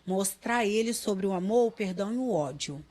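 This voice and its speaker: A woman, a mother in her thirties, giving a halting, emotional interview and often quoting others in dialogue. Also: mid-range voice, lively intonation, darkish tone. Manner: halting, repeats words, quotes others in dialogue.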